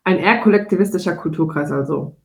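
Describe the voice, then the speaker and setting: A woman in her twenties from Germany co-hosting a podcast, speaking in a thoughtful, measured way. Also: deep voice, creaky. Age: 20s. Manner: thoughtful, measured, laughs easily. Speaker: podcast co-host. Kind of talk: casual podcast conversation. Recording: roomy echo.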